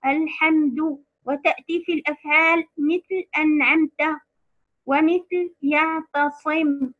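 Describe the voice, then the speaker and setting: Woman, high-pitched, recitation lesson, slow patient repetition, muffled lo-fi recording. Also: fairly even intonation. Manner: patient, repeats key terms slowly. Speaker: Quran recitation teacher. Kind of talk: tajweed lesson for women.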